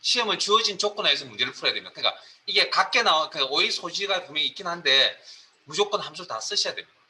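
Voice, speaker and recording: A man teaching a spreadsheet lesson, walking through each step and putting questions to his students. His voice sits a little high and sounds bright and sharp. A faint hiss of room noise runs underneath. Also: lively intonation, quick pace, rough recording. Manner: explains step by step, quizzes students. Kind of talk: spreadsheet class lecture.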